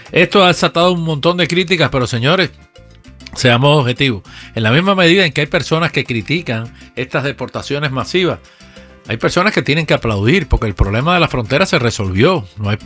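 A man's voice: mid-range voice, lively intonation, quick pace, a bit bright, husky, faint music behind. Emphatic male radio news commentator. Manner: emphatic, addresses listeners directly.

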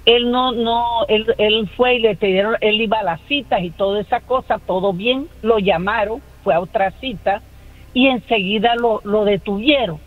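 A woman's voice: mid-range voice, normal speed. An older woman with a Caribbean-coast Colombian accent, calling in to a radio show. She talks in a hesitant, wandering way and keeps repeating herself. Her voice comes through a tinny, narrow phone line. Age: 60s. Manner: rambling, hesitant, repeats words. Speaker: caller. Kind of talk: phone-in call.

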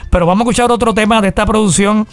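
A man hosting a radio interview, upbeat and quick to agree. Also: high-pitched, fairly even intonation, dry recording. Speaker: radio host.

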